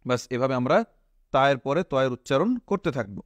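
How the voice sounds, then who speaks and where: A man with a Bangladeshi Bengali accent, teaching Quran letter pronunciation step by step, asking questions and answering them himself and drawing out each sound slowly. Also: medium pitch, no echo. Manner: slow, patient, repeats each letter sound drawn out.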